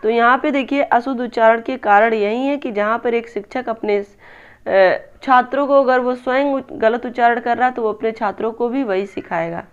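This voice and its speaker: A woman with a fairly high, smooth voice explains exam answers patiently, one step at a time, and keeps addressing her viewers as friends. The recording sounds a little dull and lo-fi. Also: moderate pace. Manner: repeats "दोस्तों", asks and answers own questions. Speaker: teacher exam-prep tutor. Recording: slightly dull lo-fi audio.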